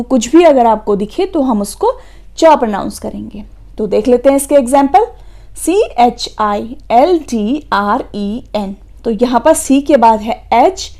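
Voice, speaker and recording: A woman's voice: on the high side, dark tone. A woman teaching a phonics lesson for children, spelling words letter by letter and answering her own questions.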